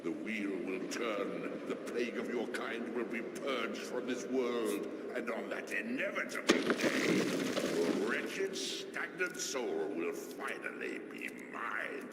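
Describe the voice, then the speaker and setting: Cavernous, echoing, menacing Elder God. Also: male voice, big pitch swings, slow, heavily acted. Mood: wrathful, threatening. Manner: booming, pompous, portentous. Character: menacing, grandiose ancient male god-like monster. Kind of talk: dramatic game villain acting. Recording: cavernous distant reverb, loud rumbling noise.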